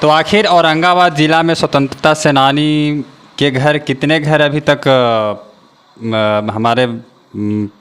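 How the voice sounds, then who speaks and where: A man, a reporter, asking interview questions in a hesitant way with pauses and fillers. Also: on the high side, fairly even intonation, a bit bright, clean tone.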